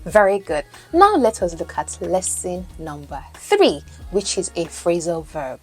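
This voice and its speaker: This Nigerian woman, a Yoruba native speaker who coaches English and hosts a podcast, delivers a Pidgin-sprinkled lesson, explaining and putting questions to the listener. Her voice is lowish, darkish and a bit rough, sing-song and measured, with soft music behind her.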